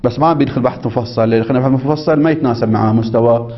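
A man's voice: mid-range voice, racing. A man teaching religious law in a seminary lecture, reading a text aloud and explaining it. He keeps quizzing his listeners with prompting questions and checking that they follow. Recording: dull lo-fi recording.

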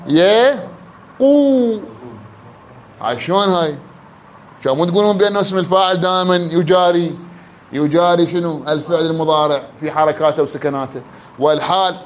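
A man with an Iraqi accent teaching an Arabic grammar class. He quizzes his students and drags words out slowly to show how they sound. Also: high voice, slight background noise. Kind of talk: classroom lesson.

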